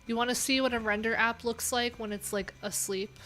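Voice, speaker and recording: A young adult woman hosts a coding livestream, chatty and rambling with lots of "like"s and "um"s, as faint music plays behind her. Her voice is slightly high, fairly bright and fairly even, a little fast.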